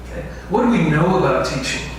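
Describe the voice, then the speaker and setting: A fast-talking instructor with a high-leaning, expressive voice delivers an info session lecture, often turning questions to his class. The recording comes from a distant mic in a large, echoey lecture room, with faint background noise.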